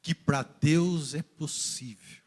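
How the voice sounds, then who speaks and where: A male pastor from Brazil preaching a sermon in a repetitive cadence, swinging between shouted climaxes and hushed asides. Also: fairly high pitch, fairly even intonation, slow. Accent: Brazilian Portuguese. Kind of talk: Pentecostal sermon.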